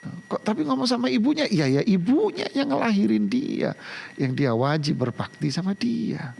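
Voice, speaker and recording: A man teaching Islamic law on a live broadcast, answering viewers' questions in an animated, scolding way and firing off rhetorical questions. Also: high-pitched, normal speed, vocal fry, breathy edge. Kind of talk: live religious Q&A lesson.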